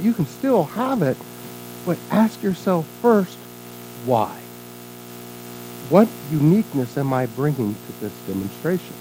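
Expressive, mellow-voiced minister. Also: mid-range voice, slight background noise, low-quality recording. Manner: expressive storytelling, then reflective teaching. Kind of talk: sermon.

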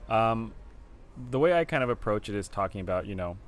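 A film director and writer gives casual interview answers live at a film festival venue. He has a deep voice and talks fast with a flat delivery, relaxed and rambling with many fillers.

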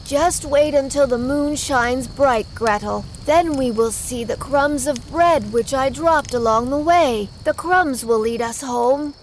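A man's voice: very high voice, unhurried, few pauses, slight background noise, pitched above the performer's own voice, low-quality recording. A man voicing a brave young boy who reassures his sister, in a storybook reading. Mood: reassuring. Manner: calm, reassuring.

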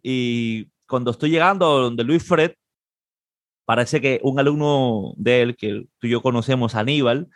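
A man's voice: mid-range voice, unhurried, dry recording, studio quality. A man from Peru with a Peruvian Spanish accent, a guest telling a casual anecdote and acting out the other people's lines in a raised voice. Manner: animated, acts out quoted dialogue in a raised voice. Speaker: interview guest, trombonist.

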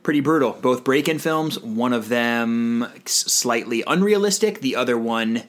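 A man's voice: medium pitch, lively intonation, normal speed. Guy cohosting a podcast, average voice, jokey and teasing, reads out listener questions. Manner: joking, teasing, hypes his answers. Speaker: podcast co-host. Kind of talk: casual chat.

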